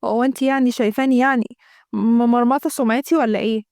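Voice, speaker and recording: A woman's voice: on the high side, fairly even intonation, fast talker, a little mellow, no echo, studio quality, natural voice. A woman voicing a young Egyptian woman lecturing her sister about reputation. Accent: Egyptian Arabic. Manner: lecturing, moralizing.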